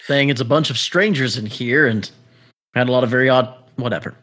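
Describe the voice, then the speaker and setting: A man's voice: mid-range voice, fairly quick, a bit bright, slightly rough. A man playing a tabletop game, talking casually in role-play with the group.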